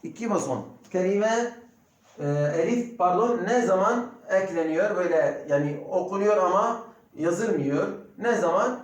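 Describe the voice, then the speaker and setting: Turkish-accented male language teacher, high voice, slow drill-style repetition, heavy room echo. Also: lively intonation. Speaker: Arabic teacher. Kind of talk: recorded classroom lesson. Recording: very echoey room.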